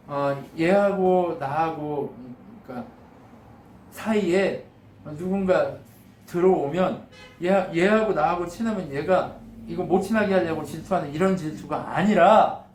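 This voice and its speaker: Male pastor, high voice, animated sermon, roomy and off-mic. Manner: animated, acts out God's lines with laughs. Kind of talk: lively conversational sermon. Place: church sanctuary. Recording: echoey room, mic from a distance.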